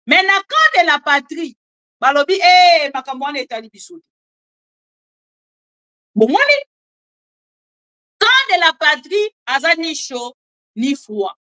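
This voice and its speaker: A woman with a Congolese French accent giving animated, chatty political commentary and joking asides to her viewers. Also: high voice, normal speed. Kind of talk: casual live commentary, French mixed with Lingala.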